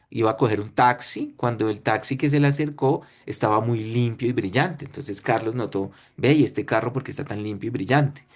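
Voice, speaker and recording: A man with a Colombian accent who presents a webinar and tells a story in the style of a lecture. He talks in short phrases and often checks in with his listeners. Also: mid-range voice. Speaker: webinar speaker.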